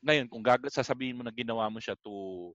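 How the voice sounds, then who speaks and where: A man co-hosting a casual chat, animated and joking, swearing casually. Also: medium pitch, fairly quick, no room sound, muffled recording.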